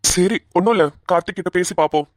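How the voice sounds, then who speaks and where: A woman's voice: fairly low pitch, fast talker, dry recording, clean studio sound, lightly acted. A woman voicing a tender young husband who soothes his worried wife in a cartoon. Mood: soothing. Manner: gentle, pleading, calls her fondly.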